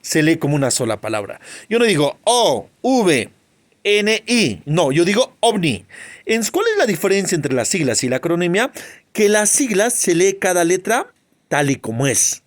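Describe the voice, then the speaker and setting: Male teacher, animated pitch, poses a question and then answers it himself, drawls letters out one by one. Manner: asks questions and answers them himself, spells letters out slowly. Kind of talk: classroom grammar lesson.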